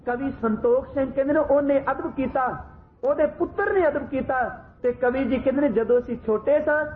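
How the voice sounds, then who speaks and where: A man telling a storytelling sermon as a preacher. He speaks straight to his listeners and slows down to chant lines of scripture. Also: extremely high pitch. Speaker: Sikh religious preacher. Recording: tinny phone-like sound with faint noise.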